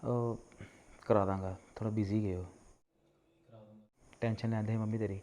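A man's voice: medium pitch, lively intonation, moderate pace, dark tone, natural voice. A man acting as a young man who speaks briefly and reassuringly on the phone in a family drama. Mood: calm.

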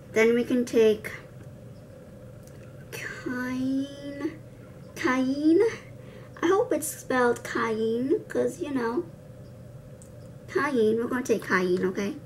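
A young adult woman, a makeup vlogger, chats casually through a tutorial in a voice on the high side, with a little hiss or hum. Her r sounds are soft, coming out like w, and she tosses in playful, self-deprecating, slangy asides while seated before the camera in an indoor room with a cloth backdrop.

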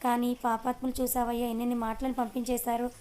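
A woman's voice: a little high, flat delivery, fast talker, dark tone, close to an everyday voice. A woman voicing a grieving older village woman who sees herself as a mother, speaking plaintively.

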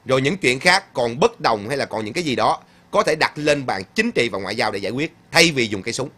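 A man hosts a chatty livestream, reading viewer comments aloud and answering them. His voice is bright and forceful, at an ordinary male pitch. He talks emphatically, repeats his points and fills pauses often. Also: expressive. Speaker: host of a political livestream.

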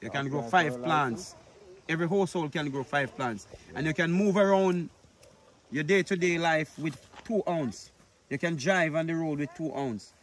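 A middle-aged man with a Jamaican accent, a farmer answering interview questions outdoors in a relaxed, easygoing way. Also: fairly high pitch, moderate pace. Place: outdoors on a rural farm.

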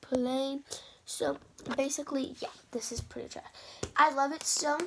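A woman's voice: high voice, fairly even intonation, a little slow, noisy background. A young woman vlogging casually on a phone at home, boastful and rambling with sass. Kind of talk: casual vlog chat.

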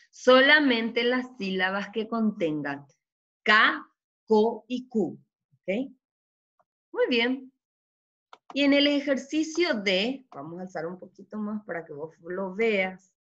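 A woman teaching young children to read, taking her time over every syllable. Her pace is unhurried and patient, and she keeps checking that the children follow. The recording is dull and lo-fi. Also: mid-range voice, a bit bright. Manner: slow and deliberate, often checking with "¿sí?"; sounds out syllables carefully. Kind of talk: children's reading lesson.

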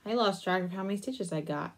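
Speaking fast at a medium pitch, this young woman crochets on camera in a cramped attic room. She's a crafting vlogger, and her casual chat drifts as she gets absorbed, half addressing herself.

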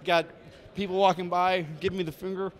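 A man's voice: high voice, little pitch movement, fast. A man in his thirties hosting a casual walking tour of a convention hall, joking and self-deprecating, talking into a handheld mic. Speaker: host. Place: large convention hall indoors.

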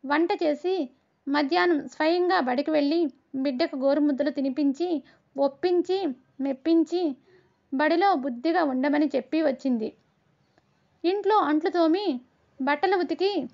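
A woman narrating a children's storybook tale in a steady, measured way. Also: high voice. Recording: dull lo-fi recording.

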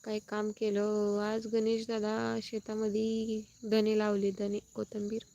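Husky, low-voiced woman live from fields. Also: monotone, slow pace, mellow, muffled recording. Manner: reads out comments and thanks viewers, chatty. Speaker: live-stream host. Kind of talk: casual live-stream chat with viewers. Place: outdoors in a farm field. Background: crickets and insects outdoors.

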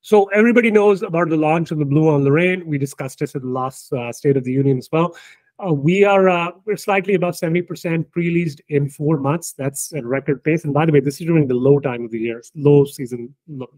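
A man, the company's founder, talking through business results in an emphatic, animated way, often checking in with "right?". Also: fairly high pitch, fairly quick, dry recording. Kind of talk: casual business discussion.

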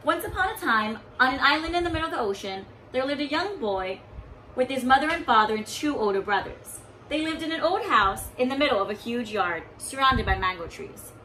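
A woman teacher reading a picture book aloud to young children, expressive and stopping to explain words. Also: high voice, fairly quick, slight background noise, rough recording. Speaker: kindergarten teacher.

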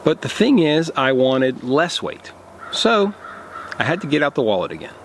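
A man's voice: a little high, moderate pace, slight background noise. A man in his thirties casually explaining and demonstrating hammock camping gear outdoors in a forest, recorded on a camera mic. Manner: relaxed, hands-on explaining while demonstrating gear.

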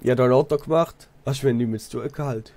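A young Swiss man, a let's player and apprentice builder, races through casual chat while gaming in a Swiss German accent. His mid-range voice is slightly mellow, and his storytelling is rambling and repetitive.

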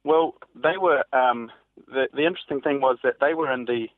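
Over a telephone call, a man who works as a newspaper reporter haltingly describes what he witnessed, unscripted and unsure. His mid-range voice has no echo, though the line sounds tinny and narrow.

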